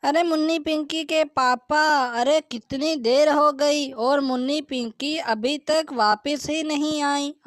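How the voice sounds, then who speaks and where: A woman's voice: high-pitched, fairly even intonation, slow, hardly any pauses, no room sound, clean studio sound. A woman voicing an anxious village mother in a doll story, exclaiming. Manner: fretful, exclaiming.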